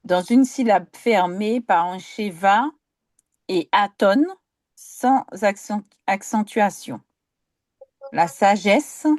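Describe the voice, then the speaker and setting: A woman student reading aloud in a lesson, slowly and carefully sounding out each word. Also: mid-range voice, a little mellow, no room sound, studio quality. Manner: slow, careful, sounding out words.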